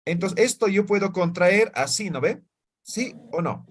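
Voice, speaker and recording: A man's voice: high-pitched, lively intonation, unhurried, slight background noise. A man teaching a language class, explaining step by step and checking often that students follow. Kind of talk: classroom lesson.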